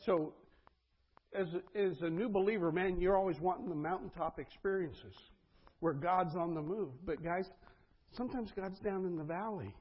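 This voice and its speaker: A man's voice: high-pitched, moderate pace, breathy edge, highs cut off. A man preaching a sermon as pastor, earnest and conversational, often turning to the congregation with asides.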